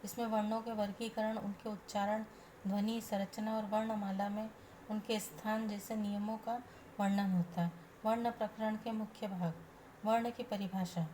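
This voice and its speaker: A woman teacher reading a grammar lesson aloud in a measured way, reciting letters one by one. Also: medium pitch, level tone, warm tone, a little hiss or hum.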